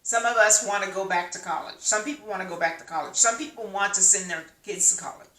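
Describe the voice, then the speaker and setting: A woman's voice: mid-range voice, fast, sharp tone. A woman vlogger from the United States giving an emphatic motivational talk full of rhetorical questions. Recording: echoey room, mic at a distance.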